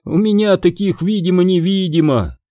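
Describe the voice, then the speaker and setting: A man's voice: sits high, normal speed, mellow, no echo, pitched above the performer's own voice. A male audiobook reader voicing a cheeky, playful old woman who runs a bar. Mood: teasing. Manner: playful, teasing.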